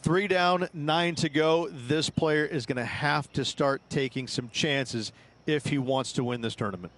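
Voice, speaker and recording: A man's voice: a little high, measured pace, fairly bright tone. A man as a golf commentator, adding analysis and opinion on play in a game broadcast. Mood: matter-of-fact.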